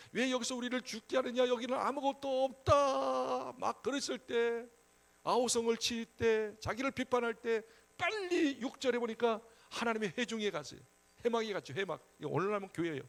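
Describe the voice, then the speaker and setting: A male pastor preaching at a Friday prayer meeting, emphatic and conversational, swinging between loud urging and soft asides. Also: very high-pitched, moderate pace.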